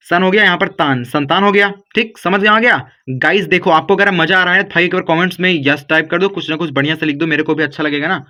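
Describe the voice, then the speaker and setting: A man's voice: sits high, fairly bright tone, highs cut off. A man teaching English spelling in a casual chatty way, calling viewers brother and guys.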